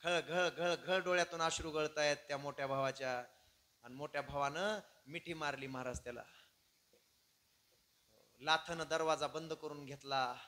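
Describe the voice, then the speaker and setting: A man's voice: fairly high pitch, steady tone, normal speed, long pauses, bright, forceful tone. A man preaching a kirtan, telling a moving story dramatically to his listeners. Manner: dramatic, emotional storytelling to the audience.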